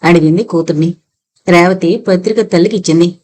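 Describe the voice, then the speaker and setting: A woman's voice: fairly low pitch, a little fast. Woman reading a novel aloud. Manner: steady storytelling reading. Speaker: audiobook narrator. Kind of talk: scripted narration.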